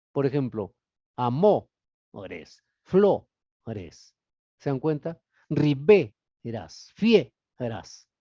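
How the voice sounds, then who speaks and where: Male teacher, classroom lecture, asks rhetorical questions, trails off softly at phrase ends; fairly high voice, dry muffled sound. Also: dry recording. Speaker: literature teacher.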